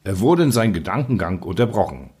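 A man narrating an audiobook story in an expressive storytelling manner. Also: lowish voice, quick pace, breathy edge.

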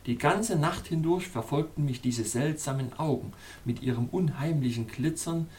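A man reading a fairy-tale audiobook in the first person, in a measured, expressive way. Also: on the high side. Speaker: narrator. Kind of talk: scripted audiobook narration.

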